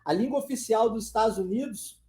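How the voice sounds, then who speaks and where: Female teacher, mellow tone, casual and laughing, reads out viewer comments; roomy echo on the recording. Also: on the high side, fairly quick. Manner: chatty, laughs often, checks in with "ok?" and "tá?". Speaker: English teacher. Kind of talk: live online language lesson.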